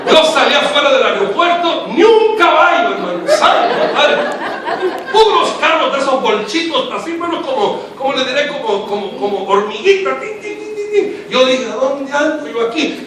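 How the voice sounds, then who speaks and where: A man from Nicaragua gives a lively church testimony, often calling the listeners brother and laughing between his asides. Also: extremely high pitch. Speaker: preacher giving testimony. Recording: echoey hall, distant mic, faint noise.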